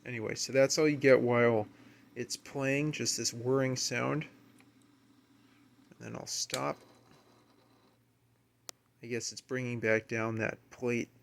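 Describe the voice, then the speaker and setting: In a carpeted room at home, a man demonstrates equipment as an amateur video maker, talking casually and without a script while he muses and hesitates. His mid-range voice is steady and unhurried, with vocal fry and long pauses, and there's slight background noise.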